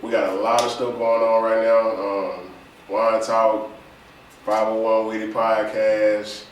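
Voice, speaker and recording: A man's voice: lowish voice, little pitch movement, takes it slowly, slight background noise. A man in his thirties co-hosting a casual podcast, laid-back and repeating himself as he talks. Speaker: podcast co-host. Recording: roomy echo, mic at a distance, faint ambience.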